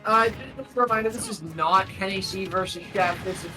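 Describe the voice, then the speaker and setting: High-voiced excitable young male commentator. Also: fairly quick, music in the background, rough recording. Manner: excitable, bursts into loud shouts. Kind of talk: esports play-by-play commentary.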